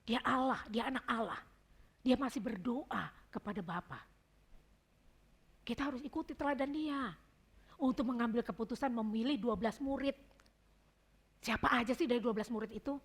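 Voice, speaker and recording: A woman's voice: a little high, moderate pace, long pauses, husky. A woman giving an informal devotional talk at a prayer gathering, chatty and telling personal stories as she addresses her listeners affectionately. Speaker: devotional speaker.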